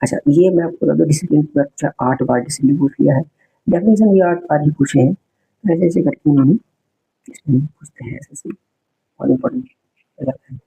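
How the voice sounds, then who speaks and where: A man's voice: fairly high pitch, a little fast, gravelly, mellow, slight background noise, poor audio. A man teaching an exam-prep spelling lesson, repeating each word, spelling it out letter by letter and explaining its meaning to viewers.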